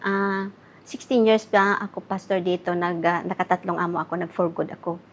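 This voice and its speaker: A woman from the Philippines in her fifties, quietly telling her story in an interview and respectfully addressing the pastor. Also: on the low side, little pitch movement, normal speed. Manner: soft-spoken, respectfully addresses the pastor, acts out quoted dialogue. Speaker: guest sharing her testimony. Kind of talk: interview testimony.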